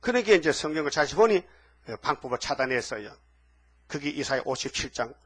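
A man's voice: on the high side, very animated, fairly quick, a bit bright, breathy edge. A male pastor preaching a fervent sermon, scolding and firing rhetorical questions at the congregation.

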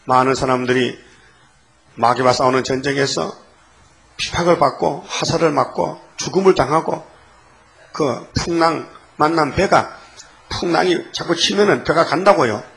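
An older man preaching a sermon, emphatic and repetitive, often asking his listeners for a response and reading scripture slowly and solemnly. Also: a little high, vocal fry, fairly bright tone. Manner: emphatic, repeats phrases, asks the congregation "예?". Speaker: pastor.

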